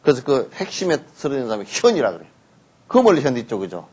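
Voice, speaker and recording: A man's voice: medium pitch, fast talker, slightly rough. A man giving a Buddhist sermon, telling stories, acting out parents and children in quotes, and often asking listeners to agree. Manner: lively storytelling, acts out parents and children in quotes, asks listeners for assent. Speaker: Buddhist teacher giving a dharma talk.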